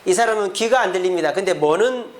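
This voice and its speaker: A man's voice: high voice, expressive, fast talker. A middle-aged man preaching a sermon as pastor in a church, acting out the parents and children he quotes.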